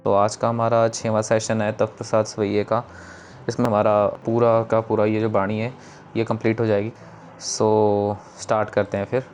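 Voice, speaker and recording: A man giving a pronunciation lesson, explaining each sound and then reciting the lines slowly and drawn out. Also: fairly low pitch, completely flat delivery, darkish tone, slight background noise. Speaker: Gurbani recitation teacher.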